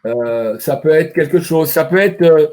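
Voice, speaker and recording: A man's voice: fairly high pitch, expressive, a little slow, darkish tone. A man presenting an online training webinar, talking over a computer mic and explaining by asking himself questions. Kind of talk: live online training talk.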